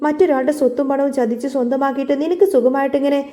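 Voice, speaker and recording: A woman's voice: high-pitched, fairly even intonation, racing, warm tone, lightly acted. A woman voicing a grieving widowed mother who wails tearfully in fury, read as part of a retold serial. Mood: wailing. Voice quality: wailing, tearful.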